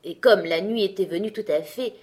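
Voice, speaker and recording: A woman reading a fairy tale aloud in a measured, gentle storytelling manner. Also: mid-range voice, husky. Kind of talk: scripted storybook narration. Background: faint music.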